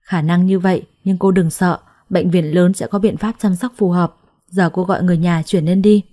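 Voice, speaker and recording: A woman voicing a brisk clinic doctor who speaks in a firm, matter-of-fact way in a told story. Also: on the low side, steady tone, warm tone, dry recording, clean studio sound, close to an everyday voice. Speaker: doctor figure.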